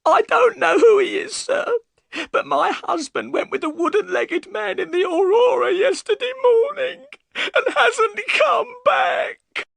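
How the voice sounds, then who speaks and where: A man voicing an upset, tearful working woman in high falsetto for a storybook reading. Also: sing-song, slow pace, vocal fry, a bit bright, no echo, heavily acted. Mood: sobbing. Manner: high, strained falsetto, sobbing at times.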